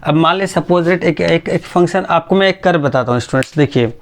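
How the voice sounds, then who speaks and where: Gravelly-voiced male physics teacher. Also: fairly high pitch. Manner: patient, repetitive, checks understanding often; speaks slowly on purpose. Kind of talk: classroom lecture.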